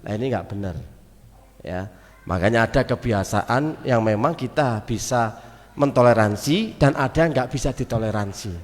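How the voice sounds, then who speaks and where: A man's voice: mid-range voice, normal speed. A man with a Javanese accent giving a casual mosque study talk, mixing in Arabic terms and acting out little everyday exchanges. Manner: lively, mixes Javanese and Arabic terms, acts out little dialogues. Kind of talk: casual sermon. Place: mosque hall. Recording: long hall reverb in a mosque.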